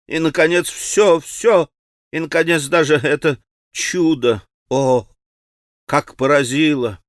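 Guy doing a high fretful society lady, all melodrama, dry close sound. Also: fairly bright tone, no room sound. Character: excitable fussy middle-aged society lady.

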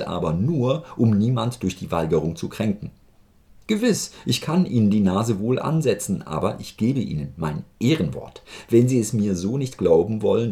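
Guy reading a calm smooth doctor, low and gravelly, super persuasive. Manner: measured, persuasive and deliberate. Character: smooth self-assured male doctor.

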